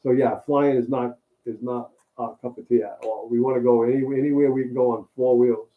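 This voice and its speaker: A man in a relaxed co-host chat, rambling and easygoing and often circling back on his words. His voice sits at an ordinary middle pitch. The sound is thin and tinny, like a phone line. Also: a little fast. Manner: easygoing, rambling, repeats himself. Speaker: co-host and mechanic. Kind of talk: casual chat.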